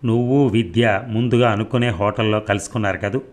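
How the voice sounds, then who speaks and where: A man reading aloud as a shy, doubting young woman student in a storybook romance, asking questions softly. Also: on the low side, steady tone, fairly quick, lightly acted.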